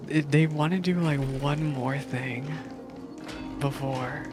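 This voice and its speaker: A game streamer reacts to the story with casual, informal live commentary, thinking aloud as she plays. She speaks slowly in a low voice. Game music plays in the background.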